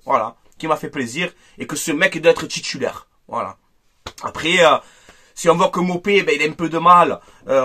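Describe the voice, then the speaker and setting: A man hosting a casual football debrief, angry and animated, repeating himself and talking straight to his viewers. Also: high-pitched. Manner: angry, animated and repetitive, addressing viewers directly. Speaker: football fan video host.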